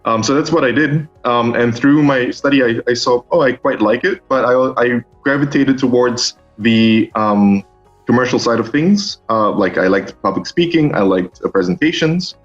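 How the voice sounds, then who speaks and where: A young man from Singapore, a master's student, answering interview questions in a halting way full of ums and restarts. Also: mid-range voice. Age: young adult. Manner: hesitant, many ums and restarts. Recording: dull lo-fi sound with faint music.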